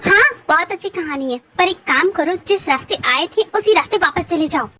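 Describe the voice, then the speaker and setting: A woman's voice: very high voice, expressive, brisk, sharp tone, exaggerated voice. A woman voicing a scolding, exasperated young woman in a fan-made Hindi audio drama. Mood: sarcastic. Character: sharp-tongued young woman, irritated and defensive. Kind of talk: Hindi fan dub of a fan fiction.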